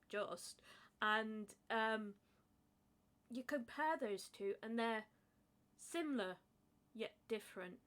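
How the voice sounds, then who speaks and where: This is a woman in casual podcast chat, taking her time with a slow and unhurried delivery. She hesitates a lot, fills gaps with ums and breaks into light laughter. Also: on the high side, fairly bright tone. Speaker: podcast co-host.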